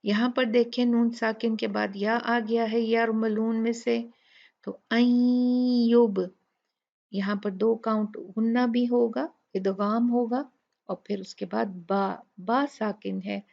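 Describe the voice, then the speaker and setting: A woman teaching a Quran recitation lesson. She explains each letter methodically and models slow recitation. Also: on the high side, fairly even intonation, vocal fry. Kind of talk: tajweed tutorial. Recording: dull lo-fi recording.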